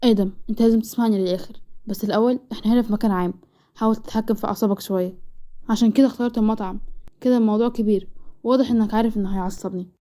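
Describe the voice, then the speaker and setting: A woman's voice: mid-range voice, fairly even intonation, rapid-fire, dark tone, natural voice. A woman voicing a serious young man breaking bad news, explaining urgently.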